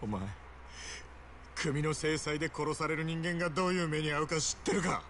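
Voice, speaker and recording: A desperate young yakuza, voiced by a man in a video game, rough-spoken and blunt. His voice sits high for a man. There is a faint hiss behind the game audio. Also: steady tone, moderate pace, a bit bright, natural voice. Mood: grim, pained. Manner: rough, blunt street speech. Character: desperate young male yakuza, gruff and cornered.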